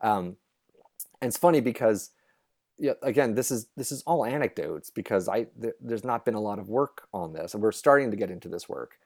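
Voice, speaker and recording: Low-voiced man explaining with animation. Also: a little fast. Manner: animated, acts out quotes, many restarts. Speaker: researcher guest. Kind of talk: conversational explanation.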